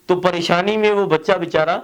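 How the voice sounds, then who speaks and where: A man gives a relaxed grammar lesson, his voice sitting a bit higher than most men's. He talks loosely and conversationally, sliding English phrases into his explanations and stopping often to check that his students follow. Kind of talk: casual classroom lecture.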